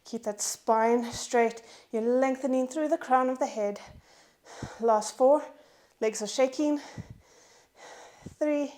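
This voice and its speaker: A woman instructor coaches a Pilates strength session, counting down reps and cueing each inhale and exhale. Her voice sits a touch high and her delivery is unhurried. She sounds out of breath from working out alongside the class. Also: darkish tone. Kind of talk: guided workout instruction.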